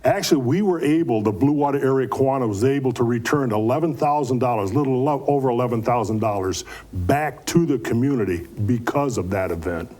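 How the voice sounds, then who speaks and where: A man's voice: mid-range voice, brisk, few pauses, a little mellow. A man answering interview questions as a club event organizer, explaining things in a folksy, earnest way with repeated words.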